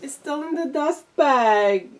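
High-pitched and expressive, a woman in middle age talks slowly as she unboxes things for her vlog audience in a relaxed way. She's still a bit stuffed up from the flu and is recording in a small indoor room at home.

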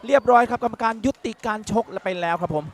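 A man giving excited live boxing commentary. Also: high voice, quick pace.

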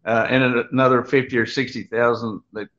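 A Vietnam veteran in his 70s, appearing as a guest over a video call from a room at home, rambles through a grandpa-style war story in a halting, unhurried, digressive way. His voice is medium-pitched, level and fairly bright, though the lo-fi call audio sounds dull.

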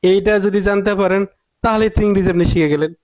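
Male English tutor, higher-pitched, drills with rhetorical questions, dry close mic. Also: steady tone, fast, a little mellow, no room sound. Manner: emphatic, repeats points and asks rhetorical questions. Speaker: English teacher. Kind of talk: spoken English lesson.

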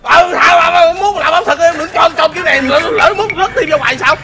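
A man's voice: extremely high pitch, fairly quick. A man playing a panicky, easily frightened young woman in a comedy prank skit, stammering and repeating words. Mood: bickering. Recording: loud music and crowd noise behind.

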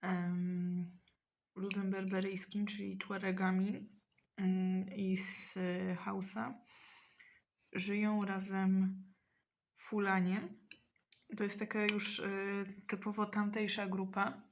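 A woman talking casually in a mukbang while eating, hesitant and often pausing mid-sentence to think. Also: mid-range voice, little pitch movement. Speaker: mukbang vlogger.

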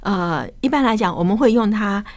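A woman's voice: mid-range voice, moderate pace, darkish tone, dry recording. An older woman with a Taiwanese Mandarin accent, a professor guest on a radio interview, explaining science and dropping English terms into her talk.

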